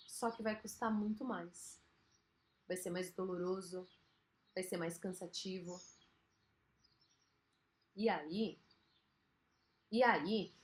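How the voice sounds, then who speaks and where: Higher-voiced Brazilian woman giving motivational talk. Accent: Brazilian Portuguese. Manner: chatty and emphatic, slangy asides. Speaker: podcast host. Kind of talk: motivational podcast monologue.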